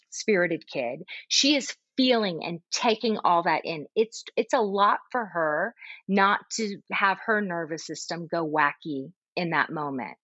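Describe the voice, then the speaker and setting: A woman coaching a parent, explaining gently and often restarting her sentences. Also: mid-range voice, slightly rough, no room sound, lo-fi sound. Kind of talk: advice on a podcast call.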